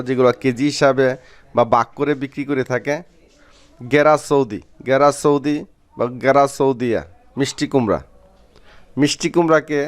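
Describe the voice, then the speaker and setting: Clear-voiced man teaching vocabulary. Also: medium pitch. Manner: repeats each word slowly and clearly. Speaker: Arabic language teacher. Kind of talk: vocabulary lesson.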